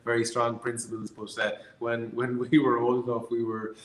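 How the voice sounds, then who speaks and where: A man with a west of Ireland accent telling stories conversationally, in a reflective, hesitant way with many pauses. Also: medium pitch, level tone. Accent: Irish, west of Ireland. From Galway, Ireland. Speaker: distillery founder being interviewed. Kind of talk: conversational storytelling. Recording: roomy, echoey sound.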